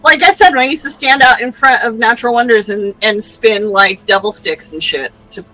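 A middle-aged woman playing a tabletop game, talking in an animated, rambling way full of fillers. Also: fairly high pitch, brisk, rough recording. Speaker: player. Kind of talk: casual tabletop play.

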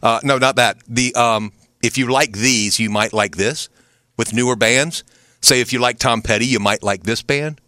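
A man's voice: mid-range voice, bright, forceful tone, no room sound, clean studio sound. A man co-hosting a podcast, chatting casually with wisecracks. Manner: wisecracking, quick. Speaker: podcast co-host. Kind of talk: casual chat.

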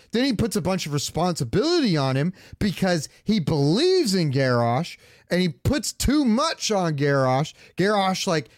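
A high-voiced man co-hosts a casual podcast about games, rambling with an enthusiastic fan's energy. The recording is studio quality with no echo.

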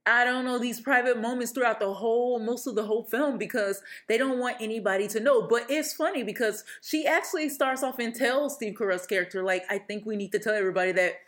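A woman with a fairly high voice co-hosts a relaxed film podcast. She chats casually and retells movie scenes at length, with plenty of fillers. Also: a little fast, few pauses. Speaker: podcast co-host.

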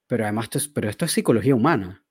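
A man's voice: medium pitch, lively intonation, racing, darkish tone, breathy edge, no room sound, studio quality. A man, a dog trainer talking casually on a podcast, thinking aloud in loose, searching phrases.

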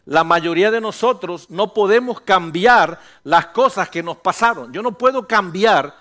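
A middle-aged pastor delivers a sermon in a relaxed, conversational way. His voice sits a little high for a man. He acts out the voices in his head and teases his congregation between points. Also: a little slow.

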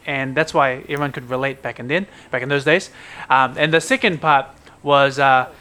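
A man's voice: mid-range voice, normal speed, sharp tone, smooth. A man in his thirties with a broad New Zealand accent, chatting casually as a podcast co-host. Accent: broad New Zealand (Kiwi). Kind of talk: casual chat explaining slang.

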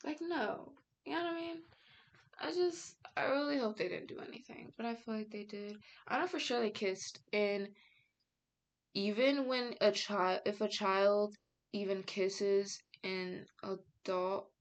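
Rambling young woman, gravelly fry. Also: medium pitch, measured pace. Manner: rambling with many fillers and restarts; outspoken, frequent casual slang. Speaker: commentary vlogger. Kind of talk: casual reaction commentary.

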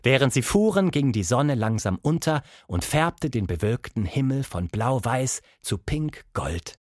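A man narrating a children's story in an expressive, scripted way, jumping in pitch for characters. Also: measured pace, no room sound, studio quality.

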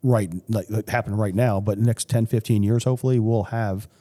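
A man's voice: fairly low pitch, fairly even intonation, moderate pace, warm tone, big-room sound. A man in his fifties, a police K-9 sergeant, chatting as a podcast guest and often restarting his sentences. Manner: rambling, with frequent restarts and self-corrections. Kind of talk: casual interview chat.

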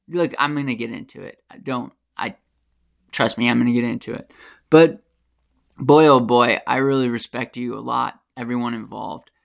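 American male podcast host, gravelly, fired-up profane commentary. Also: medium pitch, a bit bright. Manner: passionate, ranting and profane. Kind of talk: opinionated solo commentary.

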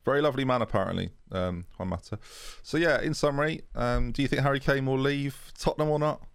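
A man's voice: mid-range voice, fast, gravelly, smooth, no echo, studio quality. A man co-hosting a casual football chat, talking in a chatty way with frequent restarts. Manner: chatty, restarts often with a laugh. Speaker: football podcast co-host.

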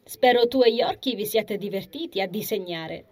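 A woman voicing a gentle young woman who talks softly and playfully to a small child in an audiobook. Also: mid-range voice, normal speed, close to an everyday voice. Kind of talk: audiobook character voice.

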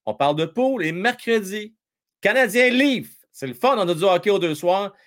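A talkative man with a Quebec French accent hosts a casual live stream about hockey. His voice sits a bit high and swings widely in pitch as he jokes and chats with viewers. He talks loosely and fills his speech with little "euh"s. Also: lively intonation, normal speed, a bit bright. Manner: chatty, jokey, reads viewer comments aloud, many fillers.

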